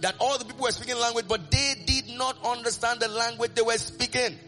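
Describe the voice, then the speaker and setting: A man preaching a sermon, animated and sing-song, asking the congregation call-and-response questions. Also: extremely high pitch, a little fast, soft background music.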